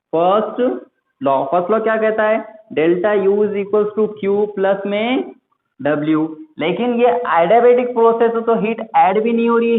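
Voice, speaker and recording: Man teaching a lecture in a tinny, echoey room. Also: high voice. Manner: asks the class questions and answers them himself. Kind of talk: classroom lecture. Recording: echoey room over a tinny, phone-like line.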